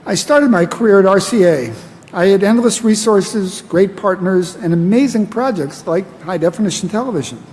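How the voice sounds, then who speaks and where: An older American man giving a prepared acceptance speech at a ceremony, measured and dry-humored, at a podium microphone. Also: high-pitched, darkish tone. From United States. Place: large ceremony hall. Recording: long hall reverb, faint noise.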